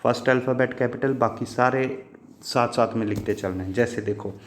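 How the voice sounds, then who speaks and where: A man's voice: mid-range voice, normal speed, a little hiss or hum. A man teaching chemistry in a patient, repetitive way, asking questions and answering them himself and addressing his students fondly as children. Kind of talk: classroom lesson explanation.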